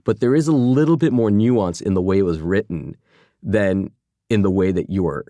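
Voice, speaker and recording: In a casual interview, a Chicago man in his forties who left journalism for the food business speaks as a guest in a low, mellow voice at normal speed. He is thoughtful but restarts frequently and fills pauses with "you know," and the sound has no echo.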